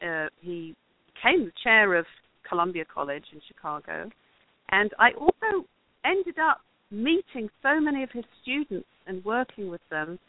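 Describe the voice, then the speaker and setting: A woman's voice: medium pitch, big pitch swings, normal speed, dry recording. A woman talks through her work as a guest, thoughtful and a little rambling, full of ums and you-knows. Her voice comes down a thin, tinny phone line. The sound is dry, with no room around it. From England. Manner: rambling, thoughtful, frequent fillers. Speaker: guest, documentary grant writer. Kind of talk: casual interview chat.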